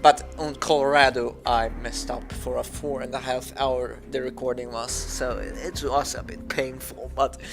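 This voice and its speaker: Here a gaming YouTuber from Sweden, young and a native Swedish speaker, comments casually on his gameplay with a Swedish accent. His pitch is medium and his tone level, with vocal fry, normal speed and few pauses. Music runs in the background, and his delivery is hesitant, packed with fillers and false starts.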